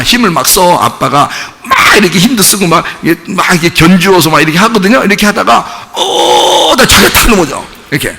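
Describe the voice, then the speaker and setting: A pastor preaching a sermon, telling the story animatedly and asking the congregation questions. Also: male voice, sits high, gravelly, bright, forceful tone. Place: church sanctuary. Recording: echoey church hall.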